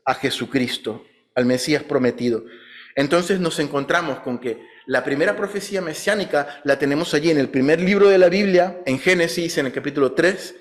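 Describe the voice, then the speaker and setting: A man in the pulpit delivers a Sunday sermon with a fairly high voice. He walks his listeners through scripture references and turns to them with questions. When he quotes biblical figures, he acts them out in a raised voice. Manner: teaching, recaps scripture references, asks the congregation questions. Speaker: preacher. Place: church.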